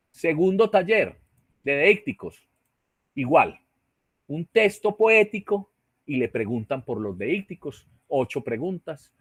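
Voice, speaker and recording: Over a computer mic on a video call, a male teacher with a Colombian Spanish accent lectures his online class, explaining and regularly checking in with "¿sí?" and "¿cierto?". His pitch is fairly high, and the clean studio sound has no echo.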